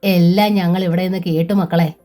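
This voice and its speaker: A woman voicing a kindly older mother-in-law who speaks warmly and reassuringly. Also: lowish voice, steady tone, a little fast, faint music behind, lightly acted.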